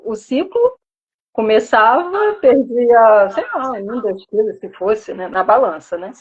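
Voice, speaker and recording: A Brazilian woman giving an emotional personal testimony as a weight-loss client, halting and repeating her words, tearful at times. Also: fairly high pitch, husky, dull audio. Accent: Brazilian Portuguese.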